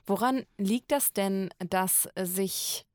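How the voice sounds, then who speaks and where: A woman's voice: mid-range voice, slow pace, dry recording, studio quality. A woman with a German accent hosting a podcast interview, asking long questions with many filler sounds. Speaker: podcast host.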